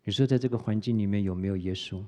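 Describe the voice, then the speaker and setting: A middle-aged male pastor preaches to his congregation and tells a personal testimony in an animated way, with English phrases mixed into his speech. His voice is mellow and relaxed. A long reverb from a church hall trails each phrase. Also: lowish voice, fast. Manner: animated storytelling, mixes English words into Mandarin, tag particle "哈".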